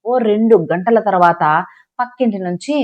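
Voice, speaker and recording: A woman narrating a scripted village story in a lively storytelling manner. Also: mid-range voice, normal speed. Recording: dull lo-fi recording.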